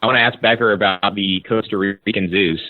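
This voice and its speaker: A man's voice: lowish voice, steady tone, a little fast, phone-quality sound. A man co-hosts a casual podcast, teasing his friends and then turning to curious questions. He talks in an easy, conversational way. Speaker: podcast co-host. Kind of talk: casual chat.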